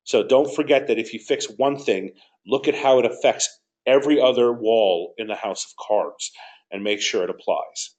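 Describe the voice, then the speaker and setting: A man's voice: medium pitch, moderate pace, darkish tone. Man in a teaching Q&A. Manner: conversational, repeats key points for emphasis. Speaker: course director. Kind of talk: live Q&A teaching session.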